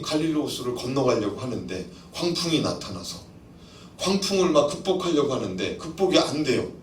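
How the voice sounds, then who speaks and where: A male pastor preaching with a lively, swooping delivery, acting out voices and throwing questions to his congregation. He is picked up from a distance in a reverberant church sanctuary. A faint ambient hiss sits beneath him. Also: medium pitch. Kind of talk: sermon.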